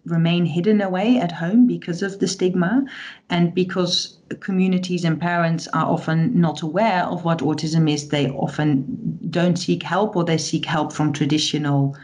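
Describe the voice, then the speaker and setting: A woman lecturer in psychology explains her research as a guest on a podcast. She is thoughtful and explanatory, with occasional hesitations, and her voice sits slightly low. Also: fairly even intonation, moderate pace, a little mellow. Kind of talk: podcast interview.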